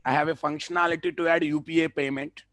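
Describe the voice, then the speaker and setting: A man with a Telugu Indian accent giving a live software tutorial as a trainer, repeating phrases for emphasis and checking that the class follows. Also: on the high side, fairly even intonation, quick pace, no echo, studio quality.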